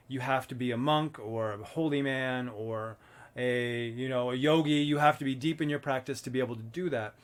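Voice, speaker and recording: A man in casual podcast conversation, explaining ideas in a reflective, measured way. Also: medium pitch, clear, resonant tone.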